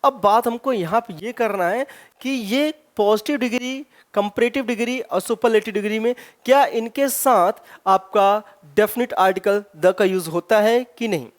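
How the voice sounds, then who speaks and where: Teaching grammar for exam preparation, this male English teacher speaks in a voice that sits high. He poses many rhetorical questions and says example words slowly with emphasis.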